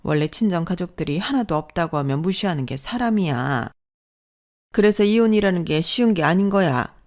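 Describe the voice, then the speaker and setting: A woman's voice: on the low side, lively intonation, a little fast, darkish tone. Woman doing a pushy guilt-tripping aunt. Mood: reproachful. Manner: insistent, reproachful guilt-tripping. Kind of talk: storytelling radio drama.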